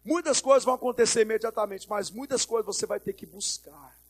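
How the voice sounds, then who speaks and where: A man's voice: sits high, quick pace. A Brazilian man preaching as a pastor, telling a personal story and exhorting the congregation in a sermon. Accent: Brazilian Portuguese.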